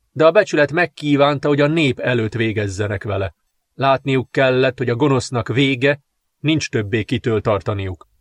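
Man, audiobook narrator, measured dramatic reading, medium pitch, dry close sound. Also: no echo. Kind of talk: scripted narration.

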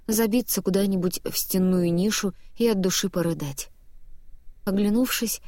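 A woman narrating a first-person audiobook in an expressive, lively storytelling manner, close to the mic. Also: mid-range voice, no echo.

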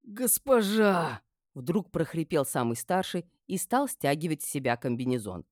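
A woman narrates a first-person novel with a low, dark-toned voice that moves a lot in pitch. She reads expressively, and the recording is close and dry. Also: normal speed, no echo. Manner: lively, expressive. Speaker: audiobook narrator.

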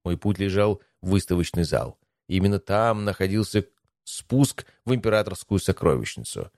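A man narrating a first-person audiobook in an even, measured reading. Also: sits low, dry recording, studio quality.

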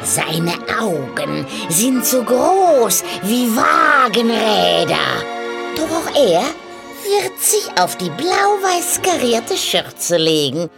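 A woman voicing a sly, ugly old witch who croaks, cackles and coaxes. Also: sing-song, drawn-out words, music in the background, heavily acted. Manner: wheedling, cackling, sudden shrill rises.

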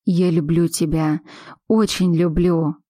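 A woman's voice: on the low side, little pitch movement, slow pace, warm tone, no echo, clean studio sound. A woman voicing an anxious, blunt young man whose fiancée is about to give birth. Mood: tender. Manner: fretful, blunt and insistent.

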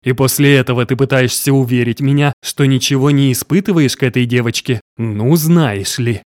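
A man doing an angry domineering father, harsh scolding tone, mid-pitched, dry close sound. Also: normal speed, darkish tone, dry recording, close to an everyday voice. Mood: furious. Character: stern domineering middle-aged father, quick to anger.

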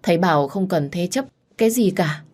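A woman's voice: fairly low pitch, lively intonation, brisk, a little mellow. A woman voicing an anxious young woman pleading hesitantly, in a read-aloud story. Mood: desperate.

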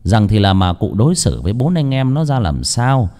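A man narrating an audio story in an expressive storytelling manner. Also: lowish voice, normal speed.

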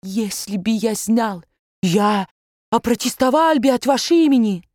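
A blustering elderly financier with a thick foreign accent and broken grammar, as a woman reader puts him on. He speaks high and slow with drawn-out, swelling exclamations. The storybook reading sounds close and dry. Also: animated, darkish tone, no room sound. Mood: plaintive. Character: pompous older male banker, foreign-accented, explosive.

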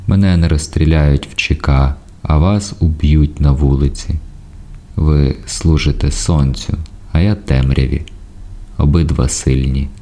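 A man voicing a masked male robber who talks slowly with mocking, overly polite courtesy. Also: extremely low pitch, fairly even intonation, warm tone, exaggerated voice. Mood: suave.

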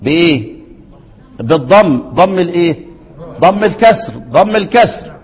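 A man with an Egyptian accent teaching a classical text, often pausing to ask his students to supply the next word. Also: high-pitched, animated, husky. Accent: Egyptian Arabic. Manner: keeps asking students to fill in words. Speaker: Quran recitation teacher. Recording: dull, reverberant hall recording.

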